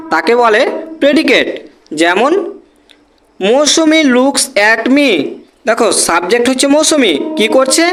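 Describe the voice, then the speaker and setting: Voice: mid-range voice, a bit bright. A teacher giving a grammar lesson, patiently repeating example words syllable by syllable and often checking that students follow. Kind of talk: Bengali-language English grammar lesson.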